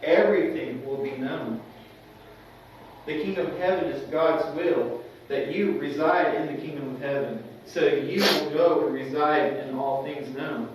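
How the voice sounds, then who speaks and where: This is a fairly high-pitched young man talking unhurriedly to a Sunday school class, chatting with them and frequently asking whether they agree. He's in a church classroom, and the background is noisy. The room echoes and the microphone sits far away.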